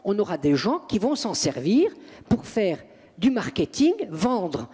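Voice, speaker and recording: Husky priest guy, exorcist, lively and emphatic, big swings in pitch. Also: measured pace, in a large hall. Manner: lively and emphatic, with vivid anecdotes. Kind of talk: interview storytelling.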